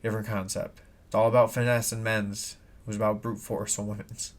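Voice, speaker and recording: A man's voice: fairly low pitch, little pitch movement, fairly quick. A man hosting a solo podcast, rambling and swearing with many restarts, in a slightly nasal voice, with an air filter and ceiling fan humming in the background. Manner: rambling, profane, full of restarts and asides. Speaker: podcast host. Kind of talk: casual solo podcast rant. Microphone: desk mic, no headphones.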